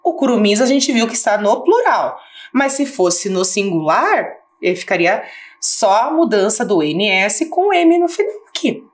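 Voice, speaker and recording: A woman teacher with a Brazilian Portuguese accent giving a recorded lesson for schoolchildren, asking questions and slowing down to spell out syllables. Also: medium pitch, sing-song. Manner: patient, rising question-and-answer tone, slows to spell out syllables.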